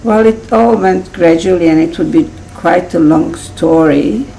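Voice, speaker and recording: Serbian-accented woman guest, low gravelly voice, chatty storyteller who laughs often. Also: unhurried, mellow, a little hiss or hum, rough recording. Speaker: interview guest, healer. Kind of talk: casual interview chat.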